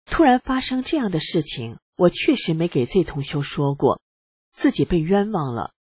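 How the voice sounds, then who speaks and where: An adult reading a personal testimony aloud in a steady first-person way, earnest and reflective. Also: mid-range voice, normal speed, husky, no room sound.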